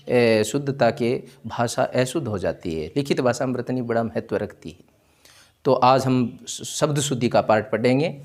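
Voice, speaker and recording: Man, teacher, animated pitch, question-and-answer drilling, classroom lesson. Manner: asks rhetorical questions, answers them by repeating the word slowly. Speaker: Hindi teacher. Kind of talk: classroom-style spelling lesson.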